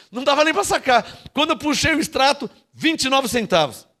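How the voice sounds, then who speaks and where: A Brazilian man preaching in a high, bright register with wide swings in pitch. He delivers the sermon emphatically and keeps calling on the congregation to answer. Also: very animated, moderate pace. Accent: Brazilian Portuguese. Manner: emphatic, calls on the congregation for responses. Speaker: pastor.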